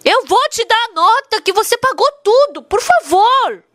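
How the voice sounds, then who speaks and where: A man's voice: extremely high pitch, very animated, a little slow, a bit bright, dry recording, studio quality, pitched above the performer's own voice, exaggerated voice. A woman voicing a frightened male loan shark who begs and pleads in a flustered way. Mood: pleading. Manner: begging, flustered.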